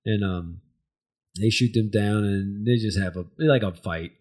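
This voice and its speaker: A man's voice: lowish voice, a little slow, a little mellow. An American man hosting a casual discussion, recapping in a rambling, hesitant way as he searches for words. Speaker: podcast host.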